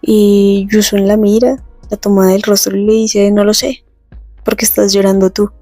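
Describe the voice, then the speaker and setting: A woman casually retelling a comic story, reading the characters' lines slowly and chatting between them. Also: mid-range voice, level tone, warm tone, dry recording, faint music behind. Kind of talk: casual comic recap with read-out dialogue.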